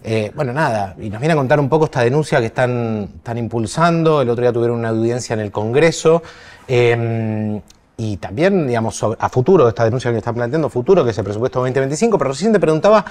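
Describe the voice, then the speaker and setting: A man's voice: mid-range voice, expressive, fast, a little mellow. A male interviewer with an ordinary mid-range voice leads the conversation. He asks his questions casually, leaning on fillers and hedges.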